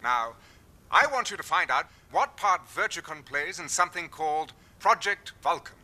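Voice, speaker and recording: A stiff British spymaster. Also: male voice, fairly high pitch, animated, moderate pace, pushed and bright. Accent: English. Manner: formal, briefing tone. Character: stiff older male British intelligence chief.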